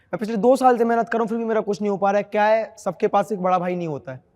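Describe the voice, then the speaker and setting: A man's voice: high voice, racing, a little mellow, in a large hall. A man doing a self-deprecating stand-up set on a comedy show stage.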